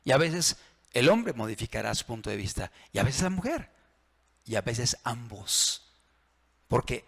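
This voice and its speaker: A man's voice: mid-range voice, gravelly, breathy edge. A man, a pastor preaching to married couples, acting out phrases in different tones. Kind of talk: sermon on marriage. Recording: long reverb of a hall.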